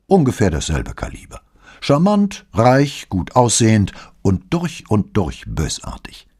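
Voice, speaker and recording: A man voicing a calm middle-aged police detective who speaks in a measured, dryly understated way in an audiobook. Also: lowish voice, slightly rough, voice pushed up, exaggerated voice.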